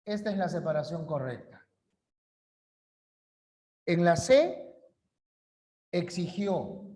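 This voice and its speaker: A man's voice: on the high side, expressive, takes it slowly, darkish tone. A male language teacher giving an online class lecture, repeating key rules and checking understanding with short questions.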